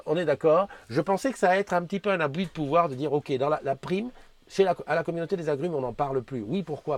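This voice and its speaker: A man's voice: on the high side, a little mellow, dry recording. A man hosts a casual live morning stream, rambling and restarting as he greets viewers and reads their comments. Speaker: host of a live community morning show.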